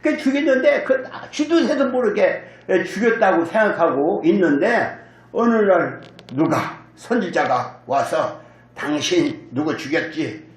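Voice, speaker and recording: A man's voice: sits high, big pitch swings, measured pace. A male pastor preaching a sermon, telling the story vividly, acting out quotes and calling on the congregation to answer. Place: church sanctuary. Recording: echoey church hall.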